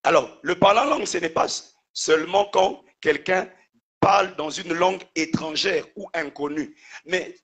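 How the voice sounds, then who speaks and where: A pastor preaching to his congregation, his voice a little husky and pitched fairly high. He punctuates his teaching with calls of praise and has the listeners repeat words back to him. The delivery is that of a man in full sermon. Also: moderate pace, fairly bright tone. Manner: preacher calling out "Alléluia" and "Amen", call-and-response with the congregation.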